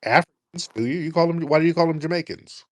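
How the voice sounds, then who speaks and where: A man's voice: fairly high pitch, fast talker, no room sound. A man hosting a casual audio chat room, making his point insistently with rhetorical questions. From United States.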